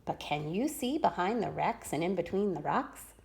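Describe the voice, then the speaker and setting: A woman preschool teacher reading a rhyming picture book aloud to children with expressive storytelling. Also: on the low side, normal speed, gravelly, husky. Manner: expressive, sing-song storytelling.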